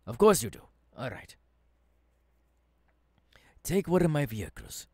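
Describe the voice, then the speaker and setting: An earnest futurist professor, acted by a man, guides an apprentice in an intimate ASMR roleplay. His husky voice moves slowly in halting phrases and swings widely between hushed lows and emphatic rises. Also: big pitch swings, dry recording, studio quality. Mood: eager, instructing. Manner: slow, deliberate, halting phrases dropping into whispers. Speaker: voice actor. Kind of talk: ASMR audio roleplay, intimate second-person monologue. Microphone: close microphone, dry.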